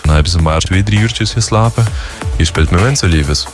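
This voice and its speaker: A bus driver giving anonymous testimony, his voice disguised with an AI filter that shifts it deep, speaking hesitantly with fillers. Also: a little fast, over music. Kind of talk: anonymous testimony in a news report.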